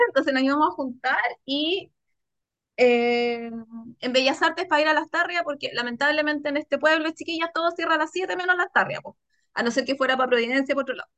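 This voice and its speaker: Fast-talking high-voiced Chilean woman. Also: no echo. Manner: animated, slangy, laughs often. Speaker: podcast co-host. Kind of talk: casual storytelling chat.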